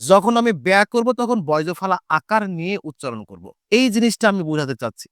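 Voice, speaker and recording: Clear, high-voiced man teaching a lesson. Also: sing-song, fairly bright tone, no room sound, clean studio sound. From Bangladesh. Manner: explains step by step, repeats rules, asks and answers his own questions; draws out example words slowly. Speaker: Bangla teacher. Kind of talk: exam-prep lesson.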